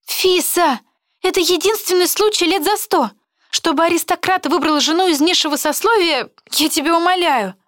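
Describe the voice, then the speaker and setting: Brief: a woman doing an outraged sensible girl student, very high and loud, dry sound. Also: normal speed, no echo. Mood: scolding. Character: indignant sensible young woman student, quick to object.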